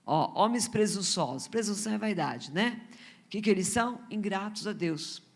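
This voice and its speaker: A woman's voice: mid-range voice, lively intonation, moderate pace. Brazilian woman preaching a casual sermon. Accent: Brazilian Portuguese. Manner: conversational preaching with frequent rhetorical questions; stumbles and repeats words. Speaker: missionary preacher. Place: church.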